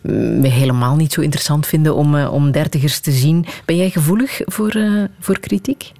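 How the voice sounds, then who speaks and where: Radio host with a dry close sound. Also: male voice, fairly high pitch, normal speed, vocal fry, no room sound. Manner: conversational, steady questioning. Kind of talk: radio interview. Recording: dry close studio mic.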